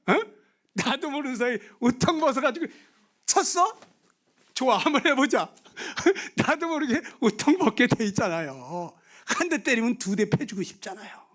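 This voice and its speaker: A man preaching a revival sermon, swinging from loud exclamations to hushed whispers and prodding the audience with questions. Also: extremely high pitch. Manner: prods the audience with questions and tag words. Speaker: guest preacher at a revival meeting.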